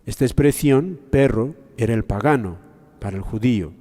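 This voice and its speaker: A man commenting on the Gospel in a sermon style, speaking slowly and reflectively with many pauses and fillers, and often addressing his listeners directly. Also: medium pitch, lively intonation, warm tone, in a large hall.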